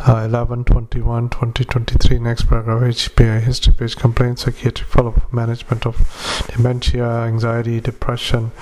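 Male physician, dictaphone recording of clinical notes, utterly flat delivery, frequent hesitations. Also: mid-range voice, poor audio. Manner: flat, halting dictation with many fillers, spells out names. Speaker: doctor. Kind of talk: dictating a medical report into a dictaphone.

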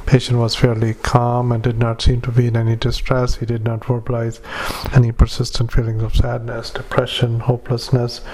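Monotone male doctor on a dictaphone. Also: mid-range voice, low-quality recording. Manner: flat, halting dictation with many fillers, spells out names. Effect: dictaphone recording. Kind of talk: dictating a medical report into a dictaphone.

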